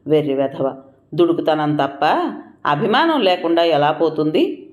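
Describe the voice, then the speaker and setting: A woman's voice: sits low, expressive, measured pace, darkish tone, highs cut off. A storyteller voicing a loving old grandmother who scolds fondly. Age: older. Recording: roomy echoing room.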